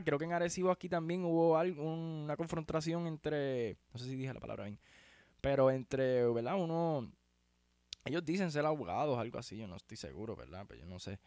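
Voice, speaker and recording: A man's voice: on the high side, brisk, darkish tone, clean tone, no room sound. A man with a Puerto Rican accent giving rambling, heated, slangy commentary as host of his own show. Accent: Puerto Rican Spanish. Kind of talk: casual commentary.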